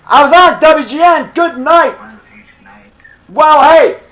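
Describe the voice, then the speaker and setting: On a poor-quality line, a middle-aged man who makes low-budget monster movies argues combatively and off the cuff over the phone. He's defiant and boastful, tossing in "brother" and "pal" as he goes. His voice is very high-pitched, fairly bright, and slow.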